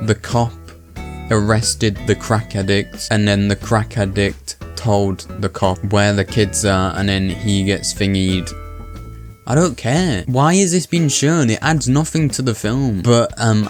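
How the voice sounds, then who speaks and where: A man's voice: fairly low pitch, darkish tone. A young man reviewing movies in a casual, rambling, sardonic way, full of "like" fillers.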